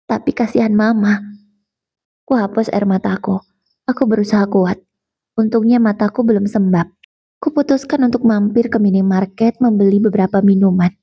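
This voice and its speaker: A woman narrating an emotional first-person story calmly. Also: medium pitch, slightly rough, lo-fi sound.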